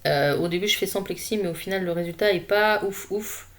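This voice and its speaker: A craft vlogger whose first language is French narrates a scrapbooking session in a casual voice-over. She's relaxed and unhurried, hesitating frequently, and her voice is medium-pitched.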